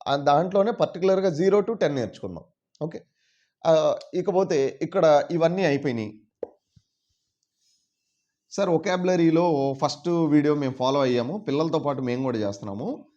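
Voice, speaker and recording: A man teaching English in a casual video lesson, explaining patiently and repeating words slowly. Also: fairly high pitch, dark tone. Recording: dull lo-fi sound.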